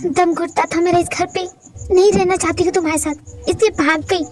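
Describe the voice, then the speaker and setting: A woman's voice: very high-pitched, steady tone, fairly quick, darkish tone, no room sound. A woman voicing a frightened young wife who tries to flee her husband in a fan-fiction audio drama, defiant and tearful by turns. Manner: tearful and defiant, later sweet and yielding.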